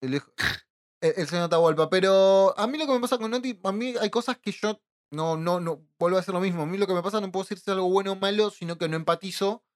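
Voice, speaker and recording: Hesitant Argentine man, fairly high voice. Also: quick pace. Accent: Argentine Rioplatense Spanish. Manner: hesitant, repeats words while thinking. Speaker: podcast guest. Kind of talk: casual chat.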